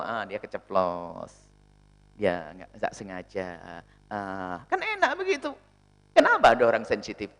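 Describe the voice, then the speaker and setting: A male preacher answering questions in a sermon, animated and often acting out the people he quotes. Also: on the high side. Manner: animated, acts out quoted speakers.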